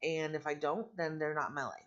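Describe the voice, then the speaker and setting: A middle-aged woman vlogging casually in a candid, rambling, matter-of-fact way, her voice growly and roughened by allergies. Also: low voice, fairly even intonation, fairly quick, dull audio. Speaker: vlogger and foster parent. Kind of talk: casual personal vlog talk.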